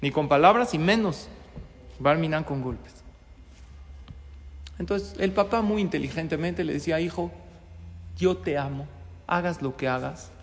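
Speaking at a measured pace with long pauses, a middle-aged rabbi with a voice on the high side delivers a sermon in a synagogue study hall. He tells a story laden with rhetorical questions, and the recording carries a long hall reverb.

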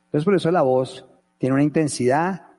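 A man giving a lesson on voice technique, raising and lowering his voice to demonstrate and asking his listeners questions. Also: a little fast. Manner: shifts loudness and pitch to demonstrate; asks the audience questions. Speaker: voice coach. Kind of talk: lecture on voice technique.

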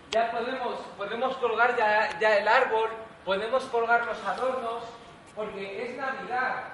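Preachy high-voiced man in an echoey room. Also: fairly bright tone, far from the mic, a little hiss or hum. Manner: preachy, exclamatory. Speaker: business coach. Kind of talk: comedy sketch.

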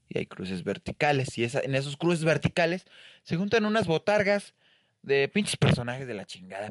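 A man's voice: mid-range voice, dry recording. A man with a Mexican accent giving a crude, slangy comedic monologue.

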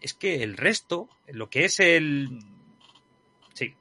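A man co-hosting a casual film review chat, animated and repeating his points for emphasis. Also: on the high side, takes it slowly, dry recording. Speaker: podcast co-host reviewing a film.

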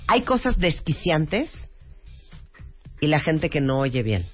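Mexican lady cohosting radio, bouncy lively voice, kinda dull lo-fi sound. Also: deep voice, takes it slowly, faint music behind. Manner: playful, acts out scenes with laughs. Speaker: radio co-host. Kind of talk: casual chat.

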